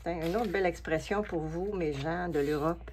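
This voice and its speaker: A woman's voice: on the low side, normal speed, a little mellow, a little hiss or hum. A woman with a Québécois French accent chatting casually as she makes a collage, thinking aloud to herself and her viewers. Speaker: collage artist. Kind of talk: casual craft vlog, talking while working.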